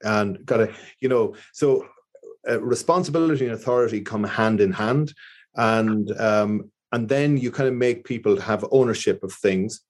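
An Irish man who runs his own company speaks in a somewhat low voice. He talks earnestly in a relaxed interview and keeps returning to the ideas he cares about. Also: moderate pace. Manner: earnest, repeats his key points. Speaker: business owner guest. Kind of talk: conversational interview.

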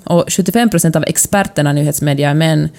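A Finnish woman with a Finland-Swedish accent co-hosts a podcast, chatting casually and conversationally. Her voice is low, creaky, and darkish in tone.

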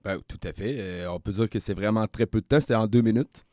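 A man hosting a podcast, asking relaxed questions and giving short affirmations. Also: on the low side, fast, no echo, clean studio sound. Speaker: podcast host. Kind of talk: casual interview.

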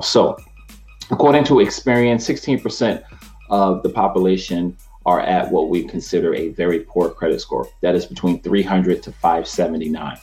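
A middle-aged man hosting a casual talk show to camera, chatty and energetic. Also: low voice. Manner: energetic, chatty, laughs easily. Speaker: host, mortgage professional.

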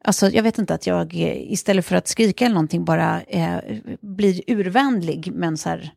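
A woman co-hosting a casual chat, telling a story in an animated way and acting out the quotes. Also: on the low side, vocal fry, no echo, studio quality.

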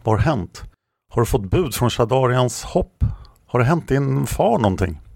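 A man's voice: medium pitch, big pitch swings, creaky, dry recording, studio quality, voice pushed up. A dying young woman, tearful and tender, as a male narrator reads her. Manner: soft, tearful pleading.

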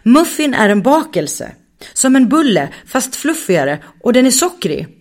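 A stern male guide from a children's story who gives orders firmly, as a woman voices him. He speaks with clear, commanding authority. His voice stays close to the reader's own. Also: on the high side, very animated, darkish tone, voice pushed up. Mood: explaining. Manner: firm and commanding.

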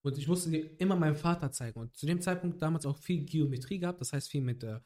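Young male podcast guest, higher voice, casual slangy storyteller. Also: quick pace, darkish tone. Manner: rambling, street slang, many restarts.

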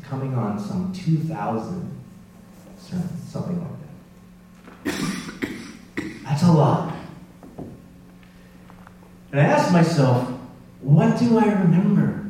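A man preaching a sermon in a relaxed, conversational and self-deprecating way, with many restarts. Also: medium pitch, takes it slowly, long pauses. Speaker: pastor. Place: church sanctuary. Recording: roomy, distant church mic with hum.

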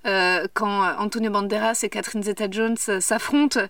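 A woman's voice: medium pitch, steady tone, fairly quick, a bit bright, no room sound, distant mic. A woman hosting a podcast, frank and joking, reacting to her guest in casual chat. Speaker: podcast host. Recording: voice a bit off-mic.

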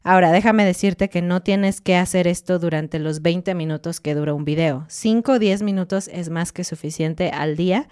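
A woman, co-hosting a casual Spanish-learning podcast and explaining things clearly with light jokes. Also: on the low side, normal speed, hardly any pauses, darkish tone. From Mexico. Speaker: podcast co-host and Spanish teacher. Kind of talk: casual educational podcast chat.

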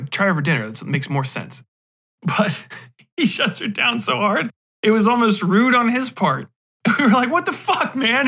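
In a rambling, comedic film rant, a male podcast host mocks the movie bluntly and with profanity, performing bits of imagined dialogue while recounting scenes. He has a high, bright voice with a forceful tone.

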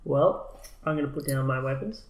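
A man's voice: mid-range voice, moderate pace. A man playing his character at a tabletop game in casual talk. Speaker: player. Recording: echoey room with clear noise.

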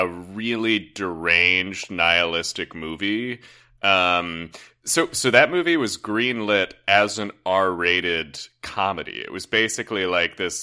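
A man co-hosting a podcast in casual chat, rambling and swearing freely in quick bursts. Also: deep voice, pushed and bright, smooth. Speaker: podcast co-host.

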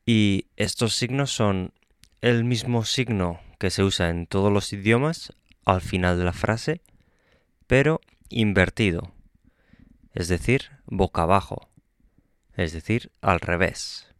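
Slow, clear-voiced male Spanish teacher. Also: lowish voice, dry recording, clean studio sound. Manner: calm and explanatory, with small slips and self-corrections. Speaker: Spanish teacher and podcast host. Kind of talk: slow, clear podcast lesson for learners.

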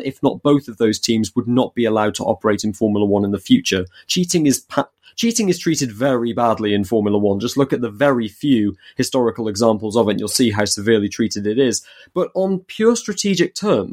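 A man with a medium-pitched voice speaks as a podcast panellist. He argues his points emphatically, in an opinionated discussion style. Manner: emphatic, argumentative.

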